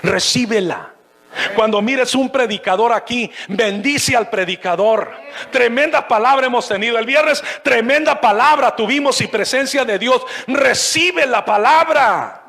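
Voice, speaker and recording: A man preaching from the pulpit in a strikingly high voice. He swings between calm teaching and sudden shouted exhortations to the congregation. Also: moderate pace. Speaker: pastor. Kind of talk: sermon.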